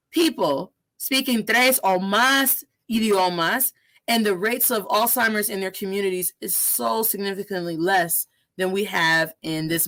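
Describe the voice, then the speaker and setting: Lively bright-voiced woman host. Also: medium pitch. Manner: energetic, sprinkles Spanish words into English. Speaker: podcast host. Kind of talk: casual interview chat.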